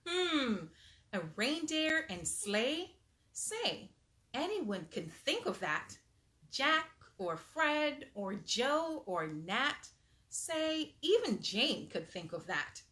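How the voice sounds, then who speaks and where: In a high, very slow voice, a woman leads a children's storytime, animatedly reading a picture book aloud and stepping in with patient, motherly asides.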